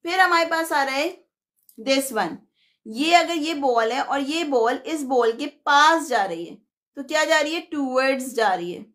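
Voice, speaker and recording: A woman's voice: high voice, animated, measured pace, fairly bright tone. A young woman teaching a live online lesson, explaining step by step and mixing Hindi-Urdu with English.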